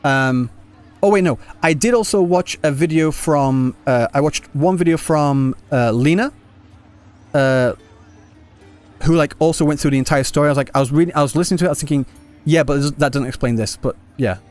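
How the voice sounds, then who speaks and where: Game music plays as this streamer chats with viewers and responds to their comments, starting and stopping as he rambles. He speaks at a normal speed into a close mic, his voice fairly high with a darkish tone.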